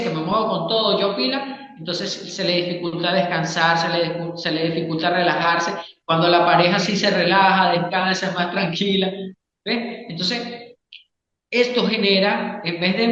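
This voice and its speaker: A man with a high, somewhat bright voice, a psychologist and Gestalt therapist, walks through ideas as an interview guest and keeps checking in with his listener. An echoey room with long reverb gives the recording a dull quality.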